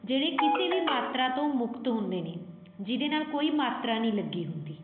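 A woman's voice: sits high, very animated, a little fast, soft background music. A woman teaching young children to read Punjabi, patiently sounding out each letter. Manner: calls the children "puttar". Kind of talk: children's reading lesson. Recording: echoey, tinny phone-like audio.

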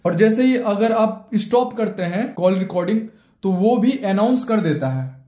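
A man in his twenties with an Indian accent walks through phone steps like a tutorial host, repeating himself for emphasis. His voice is high-pitched and warm, with lively intonation at a normal speed. He's in a small, bare indoor room, and the recording echoes.

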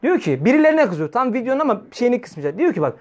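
A man delivers a weekly religious talk in a high, tenor voice. He preaches in a fiery, scolding way and keeps throwing rhetorical questions at the listeners. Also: very animated, quick pace.

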